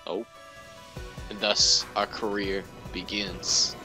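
A man's voice: fairly low pitch, flat delivery, slow pace, gravelly, loud music behind the voice. A young man giving casual let's play commentary on a video game. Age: young adult. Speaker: gaming video host.

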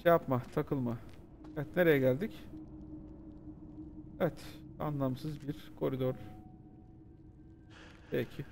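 A man's voice: mid-range voice, slow pace, gravelly, long pauses, a little hiss or hum. A man streaming a horror game live, joking, swearing and chatting with his viewers as he plays. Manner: excitable, joking, swears freely, talks to chat. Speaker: gaming streamer. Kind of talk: live gameplay commentary.

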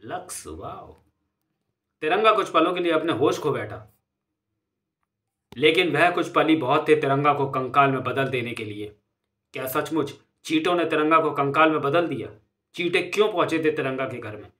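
A man's voice: fairly high pitch, normal speed, bright, forceful tone, distant mic. A man narrating a comic story, building suspense in a dramatic storytelling style.

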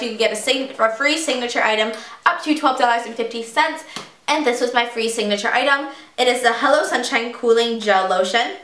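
A woman's voice: a little high, sharp tone, roomy sound, a little hiss or hum. A young woman in her teens chatting casually in a haul video, bubbly and self-teasing. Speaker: vlogger.

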